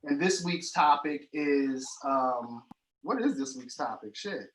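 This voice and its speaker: A man hosting a casual live-stream chat show, loud and joking. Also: mid-range voice, lively intonation, takes it slowly. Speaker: host. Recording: echoey room, faint noise.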